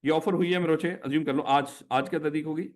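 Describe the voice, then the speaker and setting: A male teacher with a Pakistani Urdu accent lectures a classroom of students, firing the same question again and again. His voice sits a little high, and he teases the class with fond, joking scolding. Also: fairly even intonation, fast talker. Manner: repetitive questioning, affectionate and teasing.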